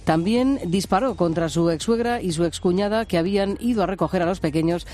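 A man reading news reports in a steady, even scripted delivery. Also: high voice, a little fast, a little hiss or hum.

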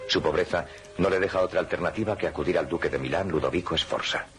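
A man's voice: low-pitched, fast talker, a bit bright, soft background music. A man narrating an educational history cartoon in a solemn, scripted style.

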